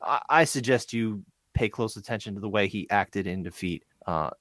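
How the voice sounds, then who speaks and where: A man's voice: lowish voice, normal speed, no echo, clean studio sound. Chatty man co-hosting a fight podcast. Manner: animated, many restarts and asides. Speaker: podcast co-host. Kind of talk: casual chat.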